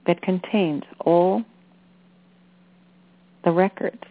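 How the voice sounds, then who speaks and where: Woman doing a spiritual channeling talk, really slow n soothing, halting phrases, dry thin phone sound. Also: lowish voice, dry recording. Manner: unhurried, deliberate, with halting phrases. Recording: phone-like narrow-band sound.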